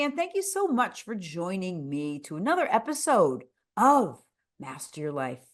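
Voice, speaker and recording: A woman hosting an interview podcast, talking in an upbeat, gushing way. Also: on the low side. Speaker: podcast host.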